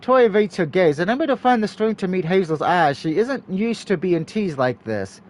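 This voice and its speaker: A man with a very high voice reads a story game aloud in a let's play. His pitch moves around in a lively way, and he breaks from the narration for casual asides and acted dialogue. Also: normal speed. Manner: acts out dialogue while reading. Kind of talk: reading a visual novel aloud with casual asides.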